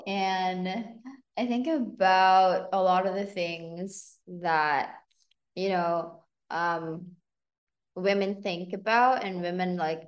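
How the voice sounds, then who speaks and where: A woman hosting a podcast in casual chat, thinking aloud with relaxed fillers. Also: on the low side. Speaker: podcast host. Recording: echoey room.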